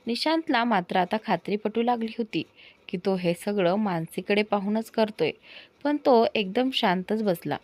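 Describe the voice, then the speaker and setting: A woman's voice: mid-range voice, normal speed, darkish tone, no room sound. A woman narrating a romance story in a conversational storytelling style, with small hesitations.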